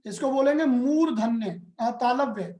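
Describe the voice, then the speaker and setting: A man's voice: extremely high pitch, normal speed, a little mellow. A man teaching a grammar lesson, explaining step by step and putting questions to his students. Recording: roomy echoey room.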